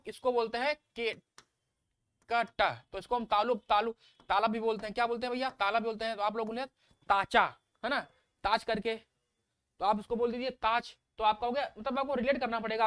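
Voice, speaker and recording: A man's voice: sits high, fairly bright tone, clear, resonant tone, no echo. A man teaching an online exam-prep class, repeating letter sounds aloud and asking students coaxing questions.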